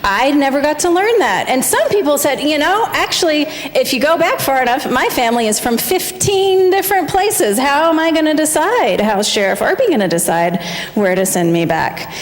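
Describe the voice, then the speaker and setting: Animated woman telling a story in church. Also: sits high, moderate pace. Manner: lively, expressive storytelling. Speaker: family minister. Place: large church sanctuary. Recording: church hall with long reverb.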